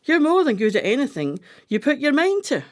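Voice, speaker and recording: A woman with a high-sitting, very animated voice speaks briskly, playing a scheming, imperious, artistic retired wife in a radio play. Her delivery is dramatic and emphatic, and her mood is excited and conspiratorial.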